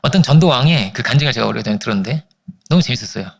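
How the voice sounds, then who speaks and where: A man preaching a Sunday sermon as pastor, telling stories with animated voices for the people in them. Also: racing, gravelly, slightly rough. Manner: animated storytelling, acting out family quarrels in high voices.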